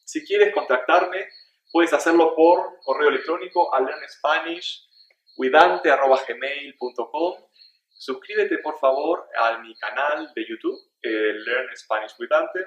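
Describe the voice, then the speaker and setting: Slow, careful male Spanish teacher. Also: fairly high pitch, fairly bright tone, reverberant, dull audio. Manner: slow, careful drill of questions and answers. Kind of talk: slow-paced language lesson.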